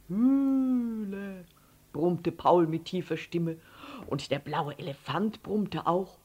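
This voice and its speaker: Slow expressive woman reading a children's story. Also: on the low side, husky. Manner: expressive, slow, drops to whispers. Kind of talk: children's story read aloud.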